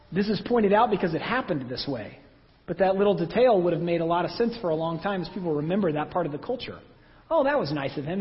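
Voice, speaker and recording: High-voiced man preaching in a reverberant hall. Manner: conversational, self-deprecating asides. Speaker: pastor. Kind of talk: sermon. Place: church hall. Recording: dull sound with long hall reverb.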